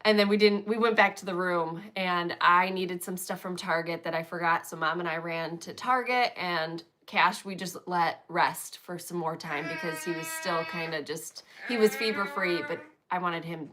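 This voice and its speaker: Co-hosting a stitching live stream filmed on a phone, a woman greets viewers with chat and laughter. Her voice is lowish, steady and fairly bright, moving at a moderate pace with hardly any pauses.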